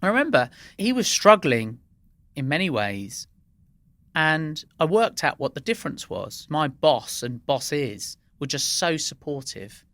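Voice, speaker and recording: Born in Iran and raised in England, this man is a podcast guest in an interview conversation, sharing earnest workplace anecdotes and often restarting his sentences. His fairly high voice has big pitch swings and a fairly bright tone, moving a little slowly with no echo.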